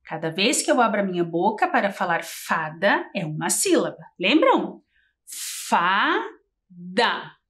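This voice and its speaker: A woman teacher leading a TV literacy lesson for young children, talking in a slow sing-song and stretching syllables as she counts letters. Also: mid-range voice, very animated. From Brazil. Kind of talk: early-grade literacy lesson on TV.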